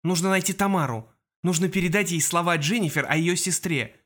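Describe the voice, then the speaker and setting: An anxious teenage boy mage who stammers and frets, as a male narrator reads him. His voice sits a little higher than a grown man's and tightens when scared. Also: fairly quick, fairly bright tone. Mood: worried.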